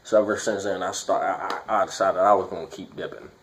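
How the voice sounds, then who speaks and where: A man with a low voice speaks with his lip packed full of dip. He talks like a casual vlogger giving a review or telling a story, blunt and quick to swear. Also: steady tone, slight background noise. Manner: blunt, profane.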